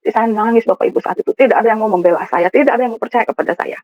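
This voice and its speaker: A woman's voice: on the high side, racing, dry recording. Woman giving an emotional church testimony. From West Java (Sundanese). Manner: emotional, often addresses the listeners directly. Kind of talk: personal testimony to a congregation. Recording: dull, dry recording.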